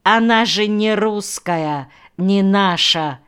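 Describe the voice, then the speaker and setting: A woman reading the lines of a mild, good-natured young man who calmly takes the dog's side. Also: mid-range voice, slow, clean tone, voice pushed up. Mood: reasoning.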